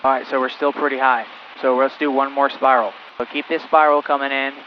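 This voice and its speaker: A man's voice: mid-range voice, fairly quick, muffled recording, a little hiss or hum. Man coaching over a cockpit headset. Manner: steady, coaching, talks the student through each step. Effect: heard over a cockpit headset intercom. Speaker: flight instructor. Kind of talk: in-flight instruction. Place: small plane cockpit in flight.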